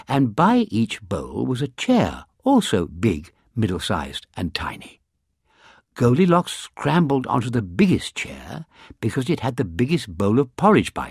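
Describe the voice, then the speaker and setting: Reading a children's story aloud, kinda husky, dry close sound, super expressive. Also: no echo. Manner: expressive, voices each size with changing pitch.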